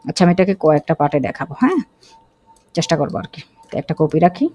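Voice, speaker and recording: A woman teaching a graphic design course, talking casually through a screen-recorded software tutorial with fillers and self-corrections. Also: sits low, big pitch swings, racing.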